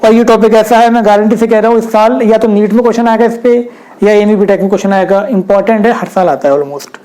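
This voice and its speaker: A man's voice: high voice, steady tone, fast talker, warm tone, poor audio. A young man, giving a chemistry lecture at a whiteboard, often asking rhetorical questions and speaking directly to his students. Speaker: chemistry teacher.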